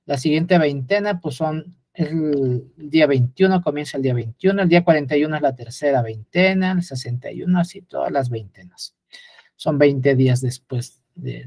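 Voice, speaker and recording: A man's voice: a little high, expressive, normal speed, vocal fry, darkish tone, no echo, studio quality. A man gives an unscripted lecture, often hesitating with fillers and restarts while pointing things out on a chart.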